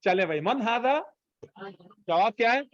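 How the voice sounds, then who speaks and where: High-pitched guy teaching an online class, repeats stuff patiently, dry close sound, a bit muffled. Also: lively intonation. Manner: patient, drills by repeating phrases. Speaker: Arabic teacher.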